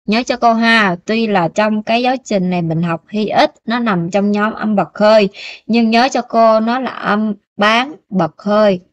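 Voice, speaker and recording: Slow, patient woman teaching syllables. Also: medium pitch, no echo, dull audio. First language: Vietnamese. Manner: patient, repeats each syllable slowly for students to copy. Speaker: Korean language teacher. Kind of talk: beginner language lesson, drilling syllables.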